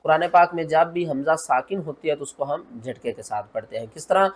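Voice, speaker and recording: A man with a notably high voice gives a recitation lesson. He explains each rule patiently, one step at a time, asks himself what to do next, and then slowly draws out the recited examples. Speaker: Quran tajweed teacher.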